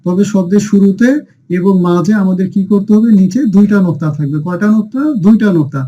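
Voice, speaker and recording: A man with a high, mellow voice leads a Quran reading lesson. He quizzes the class, supplies the answers himself, and has everyone repeat the letter names with him. The recording sounds dull and lo-fi. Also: fast. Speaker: Quran teacher.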